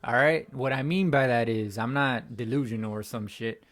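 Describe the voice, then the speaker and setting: A young man hosting a sports fan channel reacts to a game from home, his mid-range, slightly bright voice moving at a normal speed. Frustration makes his voice crack, and he rambles and repeats himself throughout the rant.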